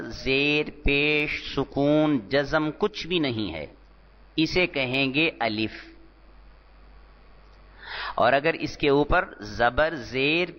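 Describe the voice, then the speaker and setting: A man teaching Arabic grammar terms in a recorded lecture, explaining slowly and repeating each term, sometimes chanting scripture. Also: mid-range voice. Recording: dull lo-fi audio in a reverberant hall.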